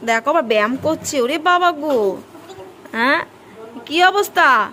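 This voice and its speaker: A woman's voice: high voice, lively intonation, unhurried, bright, forceful tone, slight background noise. A young woman filming a casual family vlog, chatting with her child and the viewers, teasing and scolding by turns. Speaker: mother and vlogger.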